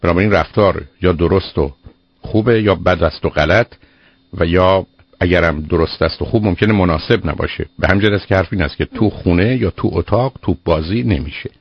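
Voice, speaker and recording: A man's voice: sits low, breathy edge, no echo. A man hosting a call-in advice show on the radio, firm and lecturing, cutting in on the caller. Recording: dull lo-fi radio broadcast.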